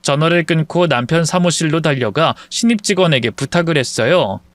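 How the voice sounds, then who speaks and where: A man's voice: on the high side, expressive, a little fast, a bit bright, no echo. A man narrating a dramatic true-life story in scripted style, speaking with cold, cutting retorts.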